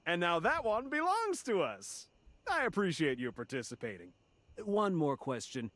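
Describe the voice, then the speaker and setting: Wildly animated, chummy corporate manager. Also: male voice, sits high, normal speed, no echo, full character voice. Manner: falsely chummy, theatrical. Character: jovial, out-of-touch male corporate manager. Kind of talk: video game character acting.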